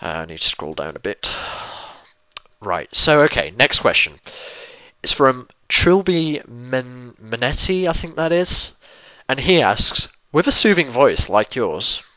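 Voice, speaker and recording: Rambling self-mocking young man, bright tone. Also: medium pitch, sing-song, measured pace, clear, resonant tone, no room sound, low-quality recording. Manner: chatty and self-deprecating, swears freely, stumbles and restarts. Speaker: YouTube let's play host answering viewer questions. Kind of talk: casual rambling Q&A.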